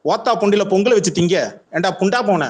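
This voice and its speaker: A man's voice: high-pitched, fast talker. A man hosting a heated argument in a live online audio room over a phone mic, aggressive, taunting and profane.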